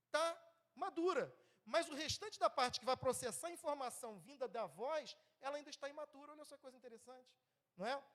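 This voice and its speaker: A man in his thirties with a Brazilian Portuguese accent, preaching a sermon in a church, conversational and often checking in with the congregation. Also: extremely high pitch. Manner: lively, swings between loud and soft.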